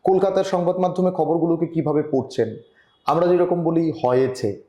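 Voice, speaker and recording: A man from Tripura, India, giving earnest advice as a journalist guest in an online interview, often pausing and restarting. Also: fairly high pitch, dark tone, roomy sound. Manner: earnest, advising, with frequent hesitations. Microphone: video call.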